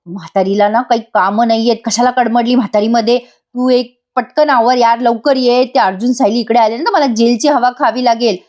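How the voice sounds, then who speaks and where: A woman's voice: fairly high pitch, steady tone, darkish tone, natural voice. A woman reading the lines of a scheming male villain who talks rudely and in a hurry. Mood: impatient. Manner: rude, hurried.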